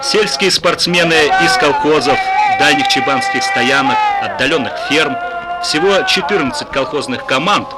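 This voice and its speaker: Male narrator for an old newsreel, formal declamatory read, voice-over over loud music. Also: medium pitch, expressive, moderate pace. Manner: formal, declamatory announcer delivery. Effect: old archival newsreel narration. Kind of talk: scripted documentary narration.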